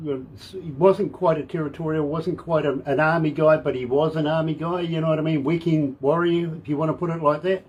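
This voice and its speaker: A man's voice: on the high side, fairly even intonation, brisk, hardly any pauses, darkish tone, muffled recording. An older man from New Zealand with a Kiwi accent, hosting a casual radio interview and joking with many restarts. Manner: jokey, chuckling, rambling with restarts. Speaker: radio DJ and host.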